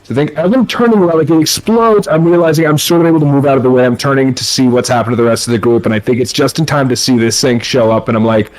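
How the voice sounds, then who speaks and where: A man's voice: mid-range voice, quick pace, hardly any pauses, rough recording. A man talking casually as a player in a tabletop role-playing game. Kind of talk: casual, conversational game play. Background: faint background music.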